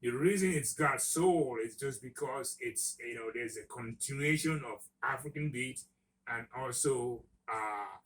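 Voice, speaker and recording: A man's voice: medium pitch, unhurried, fairly bright tone, far from the mic, a little hiss or hum, low-quality recording. A man in his sixties is speaking as a guest on a radio show. He talks unhurriedly and hesitantly, with a lot of fillers. His voice sits a little away from the microphone. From Nigeria. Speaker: guest author. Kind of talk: radio interview. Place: radio studio. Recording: voice a little off-mic.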